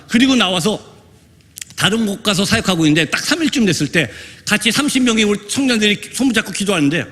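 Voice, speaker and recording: A fervent man from Korea preaching as a missionary pastor, his high voice swooping through a wide, lively range. He tells testimony with emphatic force and climbs into shouts. The sermon rings out with a long reverb in a church hall. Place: church sanctuary.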